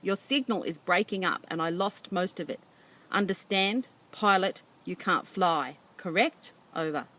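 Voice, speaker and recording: A woman voicing a calm adult male radio operator, speaking in firm, procedural radio talk. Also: lowish voice, a little slow.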